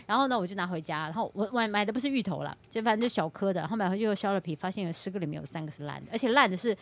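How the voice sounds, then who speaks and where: A woman, co-hosting a casual chat and telling animated stories, acting out the people in them. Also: mid-range voice, very fast. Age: late 30s. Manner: animated storyteller, acts out quoted dialogue. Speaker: podcast co-host.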